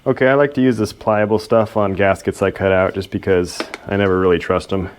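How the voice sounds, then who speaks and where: A man's voice: deep voice, steady tone, a little fast, slight background noise. A man hosting a repair video, talking casually and self-deprecatingly as he works in a workshop. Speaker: host of a machinery repair video. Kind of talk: casual hands-on repair narration.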